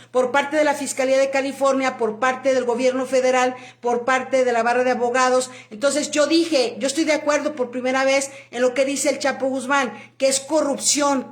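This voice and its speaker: A woman from Mexico talks through an opinion monologue, pressing her points with rhetorical questions and frequent fillers. Her voice sits high, and the room around her is echoey. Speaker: immigration commentator.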